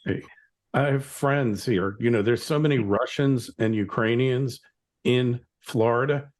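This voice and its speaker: A man's voice: mid-range voice, unhurried. A middle-aged American man hosting an interview podcast, chatting in a rambling, opinionated way. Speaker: podcast host. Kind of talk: conversational interview.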